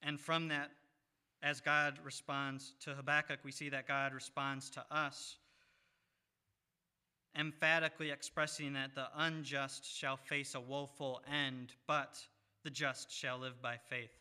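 A man preaching a sermon, reading scripture in a measured way with pauses. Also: mid-range voice, level tone, pushed and bright, smooth.

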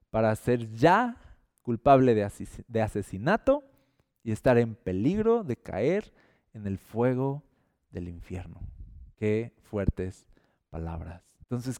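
A man preaching a sermon in a lively, conversational way, acting out little quoted exchanges and slowing to a hushed tone for serious points. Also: medium pitch, clean tone, dry recording, studio quality.

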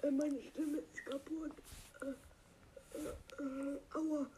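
A man's voice: extremely high pitch, little pitch movement, warm tone, slight background noise, exaggerated voice. Spike, a goofy cactus through a voice changer, played by a man. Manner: rambling, silly, slow, halting with many fillers. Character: dim-witted green male cactus creature. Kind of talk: comic character monologue.

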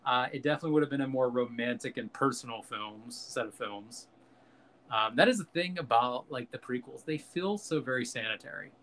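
A man's voice: mid-range voice, brisk, fairly bright tone. A man co-hosting a casual film chat, talking loosely and profanely and laughing at his own jokes.

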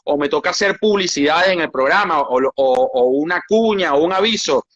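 A man's voice: a little high, moderate pace, lo-fi sound. A man with a Venezuelan accent, a sports journalist telling his stories in a casual interview with frequent restarts. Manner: animated storytelling with frequent restarts.

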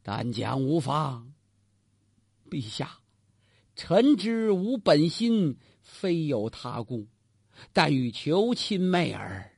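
A male storyteller voicing a tearful but cunning young prince who begs for death in slow, formal court speech. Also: a little high, big pitch swings, gravelly, a little mellow, slightly rough, no echo, clean studio sound, full character voice. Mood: pleading.

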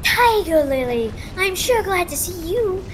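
A woman playing a scared, excitable little boy in a fantasy audio drama. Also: very high voice, unhurried, full character voice, rough recording. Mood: alarmed. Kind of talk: theatrical audio drama acting. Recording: clear background ambient noise.

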